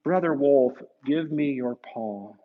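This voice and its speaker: A man voicing a gentle, calm saint from a storybook, speaking slowly, solemnly and tenderly. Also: medium pitch, narrow, tinny audio, close to an everyday voice. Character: gentle, calm male saint, friend of animals.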